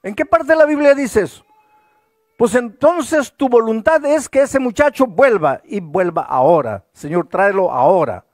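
A man preaching voices a young man who prays boldly, pleading in a loud and insistent way. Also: medium pitch, a little slow, dry recording, studio quality. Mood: fervent pleading.

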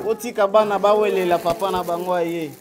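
A man with a Congolese accent works as a reporter, asking questions and calling out lively instructions. His voice sits high. A loud crowd surrounds him. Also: a little fast. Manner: brief affirming interjections, then lively calls to a crowd. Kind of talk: street interview and event hosting.

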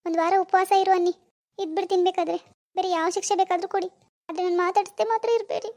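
A woman's voice: very high voice, level tone, quick pace, darkish tone. A woman voicing a tearful pleading young wife. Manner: apologetic, begging, keeps repeating sorry. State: crying.

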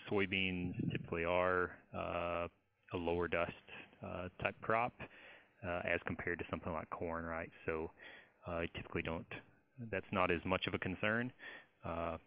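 Very deep, flat-voiced man on a dull line. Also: no echo. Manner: hesitant, heavy use of uh. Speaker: webinar panelist, seed industry. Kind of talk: webinar Q&A answer. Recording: dull dry remote line.

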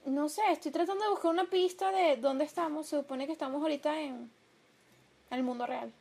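Excitable high-voiced woman gamer. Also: a little fast. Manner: emotional, swings to loud outbursts. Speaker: gameplay commentator. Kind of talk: let's play commentary. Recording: home mic with clear background noise.

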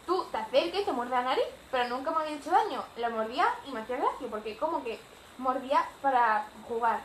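A woman's voice: high voice, expressive, fast talker, fairly bright tone, reverberant, slight background noise, low-quality recording. A young woman with a Spanish accent from Spain, rambling chattily with many fillers in a casual storytime vlog at home. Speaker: vlogger. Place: home living room.

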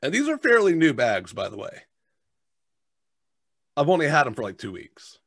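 A man's voice: a little high, wildly swooping pitch, moderate pace, a bit bright, no room sound, studio quality. An American man in his thirties chatting casually and matter-of-factly as he hosts a snack review. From United States. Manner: matter-of-fact, eats crunchy snacks while reviewing. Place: indoors, at a desk on a video call. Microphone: headset.

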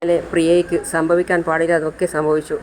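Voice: medium pitch, level tone, quick pace, darkish tone, slight background noise, lightly acted, low-quality recording. A storyteller voicing a caring woman comforting a crying girl. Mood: concerned. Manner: concerned, comforting. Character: caring worried female neighbour.

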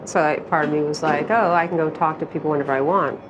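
A woman's voice: sits low, fairly even intonation, fast, highs cut off, background noise. A middle-aged woman in casual conversation, recounting her own memories as a guest. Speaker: guest revisiting a former home. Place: city street and old apartment interior.

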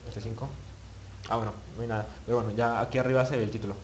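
A man's voice: mid-range voice, steady tone, racing, muffled recording, noisy background. A man teaching web page building in a screen-recorded tutorial, thinking aloud and muttering as he clicks, with many restarts. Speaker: web development instructor.

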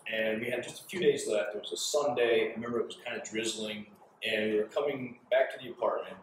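Man, podcast host, animated storyteller, very echoey, far from the mic. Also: lowish voice, quick pace, a little hiss or hum. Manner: animated storyteller, gestures a lot. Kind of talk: conversational interview. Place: small bar with signed walls, indoors. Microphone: far camera in the room.

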